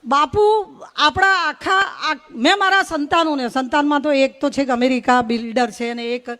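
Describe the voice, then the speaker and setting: A woman's voice: high-pitched, moderate pace, a bit bright. A middle-aged woman from Gujarat, giving a humorous, folksy storytelling speech at a religious gathering. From North Gujarat. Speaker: guest speaker at a religious gathering.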